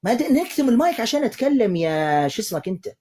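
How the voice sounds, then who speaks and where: Male preacher, husky and mellow, steady and persistent with a heated caller. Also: very high-pitched. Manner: calm, insistent, keeps telling the caller to calm down; quotes scripture in a slow recitation. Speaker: Islamic preacher debating callers. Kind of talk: live online debate.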